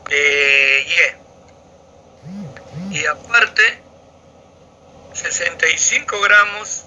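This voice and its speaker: High, bright man working through sums. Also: animated, extremely slow, dull audio, a little hiss or hum. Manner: offhand, talks through calculations aloud. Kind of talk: casual tutoring of chemistry problems.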